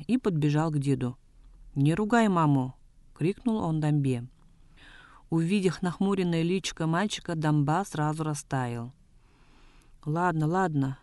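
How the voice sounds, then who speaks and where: Steady reader narrating a novel, dry sound. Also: mid-range voice, no room sound. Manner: steady, measured storytelling reading. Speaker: audiobook narrator. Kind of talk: scripted literary narration.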